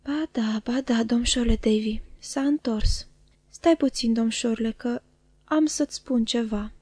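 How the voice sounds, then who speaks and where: A woman voicing a kindly, flustered older nursemaid who speaks softly and hesitantly. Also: fairly high pitch, slightly rough, no room sound. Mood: gentle. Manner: soft, tender and hesitant.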